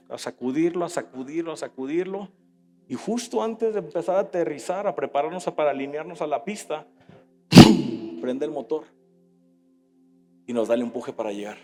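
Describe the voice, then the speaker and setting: A man with a Mexican Spanish accent, a pastor giving a sermon, who moves from quiet storytelling to loud preaching. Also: on the high side, a little fast. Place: church hall. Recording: echoey hall with soft music.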